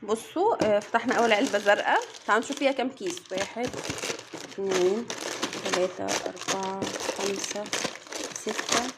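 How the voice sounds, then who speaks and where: Heavy background noise surrounds this young woman, a family vlogger and mother with an Egyptian Arabic accent. She unboxes snacks, counts the items aloud, and chats casually to her viewers at a medium pitch and a slightly quick pace.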